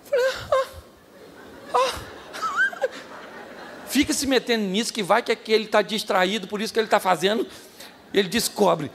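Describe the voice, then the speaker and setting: A Brazilian man preaching a sermon as pastor, animated and joking, shouting out the lines he acts out. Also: sits high, normal speed, vocal fry, long pauses, slight background noise. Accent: Brazilian Portuguese. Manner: animated, jokey, shouts acted-out quotes. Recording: reverberant hall, faint ambience.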